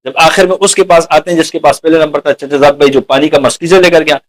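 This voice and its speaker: High-voiced man preaching a sermon. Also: fairly even intonation, poor audio. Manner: rhetorical questions to the audience; addresses listeners as dear companions.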